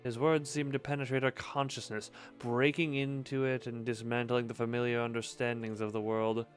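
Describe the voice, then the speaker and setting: A man plays through a story game and reads it out loud. His voice is mid-pitched, with dramatic narration broken by joking asides, over soft music. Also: flat delivery, moderate pace. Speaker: game player reading dialogue aloud.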